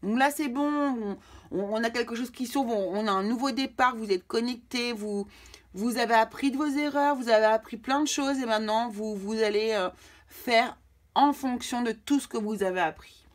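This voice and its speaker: A woman's voice: on the high side, moderate pace. A woman giving a casual tarot reading to camera, chatting directly with her viewers. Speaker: tarot card reader.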